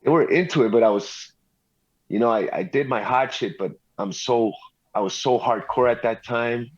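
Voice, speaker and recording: With a medium-pitched, slightly rough voice at normal speed, a middle-aged man from Montreal, Canada shares his story as a guest rapper and producer. The casual interview is full of street slang and "you know," and the lo-fi recording sounds slightly dull.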